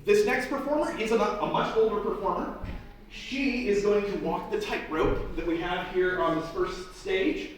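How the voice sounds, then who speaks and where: High-voiced showman in a very echoey space. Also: moderate pace. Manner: theatrical, mock-grand announcing with playful asides. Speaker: flea circus showman and host. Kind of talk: live showman patter to an audience. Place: live show space, heard from a distance. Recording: very echoey room, distant mic, faint noise.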